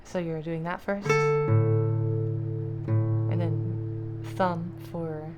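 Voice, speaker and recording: Female guitar teacher, slightly low pitch, casual and self-deprecating, trailing off with fillers, loud guitar playing under her. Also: fairly even intonation, drawn-out words. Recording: guitar playing loudly behind. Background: acoustic guitar.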